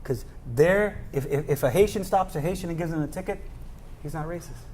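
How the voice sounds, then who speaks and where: A man's voice: a little high, brisk, darkish tone, a little hiss or hum. A man running for sheriff, speaking earnestly in an interview and listing his credentials plainly. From United States. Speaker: sheriff candidate. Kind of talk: campaign pitch in interview.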